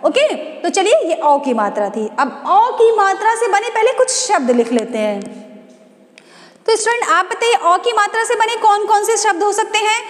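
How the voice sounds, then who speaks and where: A woman teaching a Hindi lesson to students, asking questions and answering them herself, and slowly drawing out each syllable. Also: very high voice, lively intonation. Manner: slow, drawn-out sounding of syllables. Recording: echoey room with long reverb.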